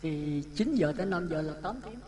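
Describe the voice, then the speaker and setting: Male Buddhist monk, Southern Vietnamese accent, high voice, animated storytelling sermon, audience audible in the room. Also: normal speed, a crowd in the background. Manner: lively anecdotal telling, acts out dialogue. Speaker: Buddhist monk giving a dharma talk. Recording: talk with audience sounds behind. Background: listeners laughing.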